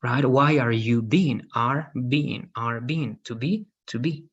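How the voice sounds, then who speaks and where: A male English teacher in his thirties explains things in an online class, speaking slowly and patiently with a husky, medium-pitched voice that is a bit bright. He tags sentences with "right?", and his video call webcam gives dull, muffled, lo-fi audio.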